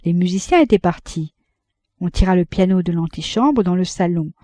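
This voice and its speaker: A woman reading a classic novel aloud as an audiobook narrator, measured and even. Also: lowish voice, no room sound, studio quality. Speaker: audiobook reader.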